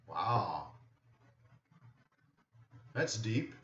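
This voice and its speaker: Over dull, roomy, echoey webinar audio, the host of a live trading webinar speaks extremely slowly in a fairly low, slightly bright voice that is very animated. He keeps his commentary casual and offhand, thinking aloud and frequently asking "right?".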